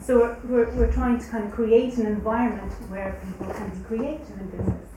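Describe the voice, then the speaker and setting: A woman's voice: fairly high pitch, fairly even intonation, a little fast, background noise. Distant woman in a very echoey room. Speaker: business academic. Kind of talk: unscripted comment at a conference.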